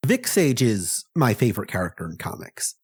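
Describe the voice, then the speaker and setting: A man's voice: lowish voice, very animated, moderate pace, slightly rough. A man co-hosting a casual comics podcast, retelling scenes in an earnest, thoughtful way. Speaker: podcast co-host. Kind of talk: casual chat about comics.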